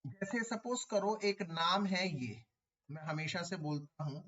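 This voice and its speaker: A man's voice: high-pitched, lively intonation, measured pace, a bit bright, muffled recording. A man teaching a chemistry class online, explaining step by step and repeating key terms, asking his students questions. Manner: addresses students as beta, asks them questions.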